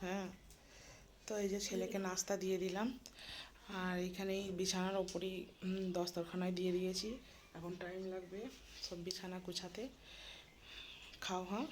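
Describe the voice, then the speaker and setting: A woman in her thirties narrating a casual home vlog as a mother, chatty and full of fillers, often speaking softly indoors. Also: fairly low pitch, monotone, normal speed, pauses often, poor audio. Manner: chatty, filler-heavy, talks softly at times so the baby keeps sleeping. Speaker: vlogger and mother. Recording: home recording with clear background noise.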